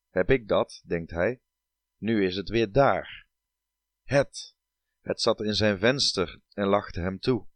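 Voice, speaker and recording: A man's voice: low voice, no room sound. A man reading a story aloud in a playful, dramatic way, with a dry, dull lo-fi sound. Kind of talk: scripted story narration.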